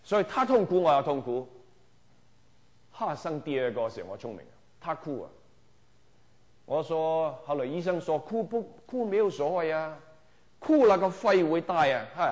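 Man, middle-aged, sermon, emphatic, rhetorical questions, slightly high voice. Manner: emphatic, urging listeners with repeated rhetorical questions; swings between loud exhortation and quiet asides. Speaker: preacher.

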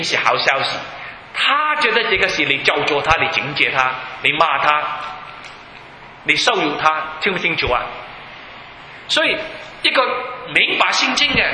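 A man preaches to a congregation, his high, piercingly bright voice ringing through a long, echoey hall. He presses his points hard and keeps firing questions at the listeners. A faint hum sits under the recording. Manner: emphatic, keeps asking the audience questions. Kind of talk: sermon with Bible teaching.

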